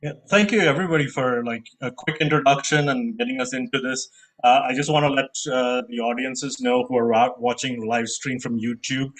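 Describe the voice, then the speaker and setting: A man's voice: mid-range voice, steady tone, a little fast, fairly bright tone. Casual man moderating a panel. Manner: casual, with many fillers and restarts. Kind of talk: moderating a live-streamed panel. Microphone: video call.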